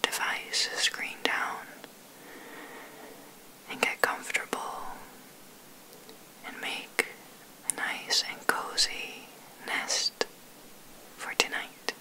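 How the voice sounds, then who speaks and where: In a breathy whisper, a woman leads an ASMR sleep meditation, soothing and gentle, taking her time with long pauses. The audio quality is poor.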